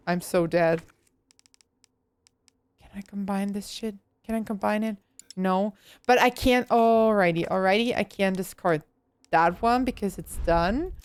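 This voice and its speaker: A woman's voice: medium pitch, smooth, no room sound. A young woman streaming a horror game, chatting casually, swearing and yelping when startled. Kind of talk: casual live gameplay chatter.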